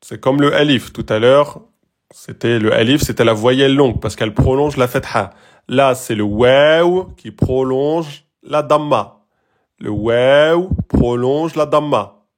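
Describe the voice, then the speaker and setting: Slow, patient male Arabic teacher. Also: mid-range voice. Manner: slow, patient, repeats rules and models sounds. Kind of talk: online lesson.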